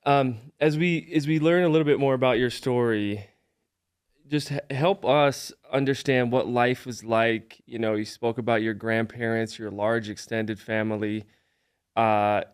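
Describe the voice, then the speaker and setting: Smooth-voiced male podcast host. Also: medium pitch, unhurried. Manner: relaxed, conversational, self-deprecating asides. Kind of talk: podcast intro and interview.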